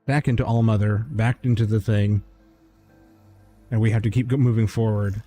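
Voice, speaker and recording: Man streamer, casual gameplay commentary, wry, dark mellow voice, faint game music. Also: lowish voice, fairly even intonation, moderate pace. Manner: wry, thinks aloud.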